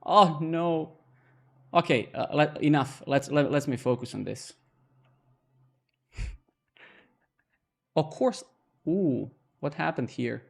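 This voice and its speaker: A man's voice: medium pitch, slow pace, creaky, long pauses, a little mellow. A man chatting casually on a live-coding stream, mocking and taunting his viewers with a laugh and some swearing.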